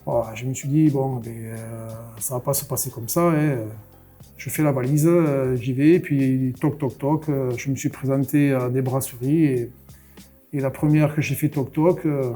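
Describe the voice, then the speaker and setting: Man with a southwest French accent, halting. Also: medium pitch, steady tone, warm tone, faint music behind. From southwest France. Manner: hesitant, many "euh" fillers and restarts. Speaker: brewery founder, interview guest. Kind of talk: casual interview storytelling.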